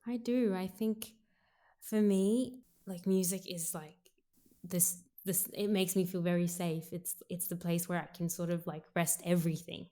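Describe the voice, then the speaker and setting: A young singer from Sri Lanka who grew up in Australia speaks softly and at a measured pace as a guest in a relaxed, casual interview. Her voice is low for a woman, and she thinks aloud, circling her point with frequent "like" fillers.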